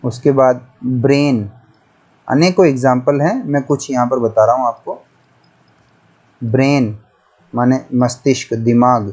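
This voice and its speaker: A male teacher leads a grammar lesson at a slow, deliberate pace. He repeats each example and spells it out letter by letter, steady and methodical in his explanations. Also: mid-range voice, highs cut off. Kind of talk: classroom-style lesson explaining pronunciation.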